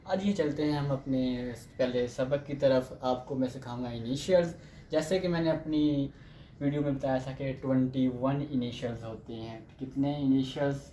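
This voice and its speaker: A man teaching a language lesson in a patient, repetitive way. His voice is mellow and soft-edged. The recording is echoey, with a faint hum of noise underneath. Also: mid-range voice. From Pakistan. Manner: patient, repeats "theek hai" often. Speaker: Chinese teacher.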